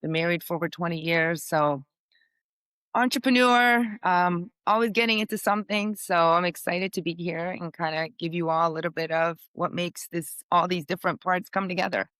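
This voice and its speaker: A middle-aged woman from Portugal talks as a podcast guest, upbeat and chatty with plenty of fillers. Her voice is bright and forward. The sound is dry and close, with no room behind it. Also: on the low side, moderate pace, clear, resonant tone, no echo. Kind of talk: casual interview talk.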